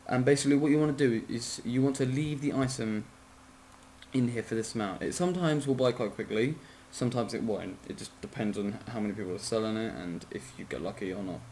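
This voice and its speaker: A sleepy, yawning man walks through a casual game tutorial in a mid-range, slightly mellow voice at a somewhat fast pace. He rambles, apologizes again and again, stumbles over numbers and corrects himself, and swears now and then. A faint hiss lies under the audio.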